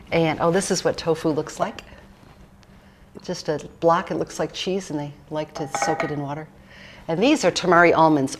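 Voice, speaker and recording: A woman's voice: low-pitched, a little hiss or hum. A woman cookbook author chatting casually through a cooking demonstration, rambling with jokes and fillers.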